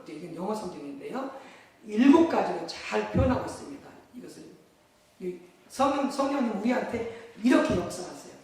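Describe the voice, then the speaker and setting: A male pastor preaches in a question-and-answer way, putting questions to the congregation and answering them himself. His voice sits high for a man, and it rings through a very echoey church hall, picked up by a mic well away from him, with a faint room hum behind. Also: far from the mic. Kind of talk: sermon.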